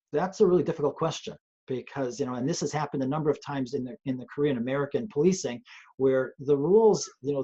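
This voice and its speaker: Man, police trainer, raspy voice, dull lo-fi web call sound, earnest and reflective. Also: medium pitch, mellow. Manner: earnest, thoughtful, with frequent restarts. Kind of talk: conversational webcast talk. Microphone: video call.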